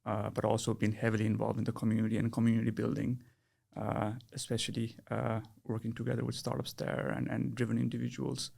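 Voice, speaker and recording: A man's voice: medium pitch, completely flat delivery, quick pace, gravelly, a little mellow. A young man from Nepal, a podcast guest, speaking in a casual, hesitant interview manner with frequent restarts. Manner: hesitant, many restarts and fillers.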